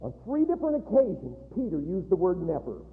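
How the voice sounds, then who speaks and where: A man preaching a sermon in a large chapel, emphatic and full of dramatic pauses. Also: high-pitched, huge pitch swings. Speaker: guest preacher. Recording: echoey hall, tinny narrow sound.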